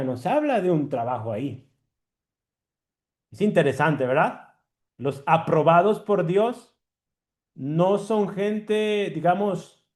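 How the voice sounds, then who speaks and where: A male preacher delivering a teaching sermon, repeating key words slowly and often checking in with the listeners. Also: fairly high pitch, darkish tone.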